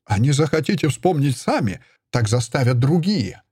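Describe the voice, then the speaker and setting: A man voicing a self-righteous Soviet woman official who shouts accusations in a sing-song, triumphant way. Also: medium pitch, very animated, moderate pace, breathy edge, no room sound, studio quality, voice pushed up. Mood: triumphant shouting.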